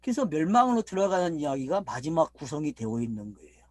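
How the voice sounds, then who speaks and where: A man's voice: sing-song, quick pace, no echo. A middle-aged man, a pastor, preaching a sermon and often asking the congregation questions. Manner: preaching, asking the congregation questions, with big swings in pitch and loudness.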